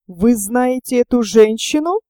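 A woman's voice: on the high side, expressive, unhurried, dark tone, clear, resonant tone, no room sound, studio quality. A woman voicing an imperious older noblewoman who speaks in a commanding, curt, indignant way in an audiobook. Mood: impatient.

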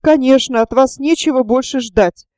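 A woman's voice: high-pitched, animated, a little slow, warm tone, dry recording, clean studio sound. A woman voicing an imperious older noblewoman who speaks in a commanding, curt, indignant way in an audiobook.

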